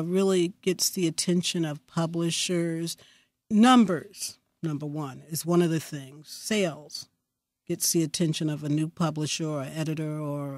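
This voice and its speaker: A woman hosting a public radio interview in a conversational way, with deliberate phrasing and words repeated for emphasis as she muses aloud. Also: low-pitched, a little mellow, no room sound.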